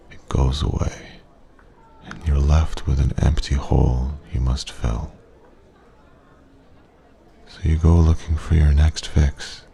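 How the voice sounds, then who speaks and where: A man playing a wise, regretful old man at a pub, a soft-spoken old sage giving slow, gentle advice in an ASMR ASMR role-play. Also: extremely low pitch, creaky, heavily acted. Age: older.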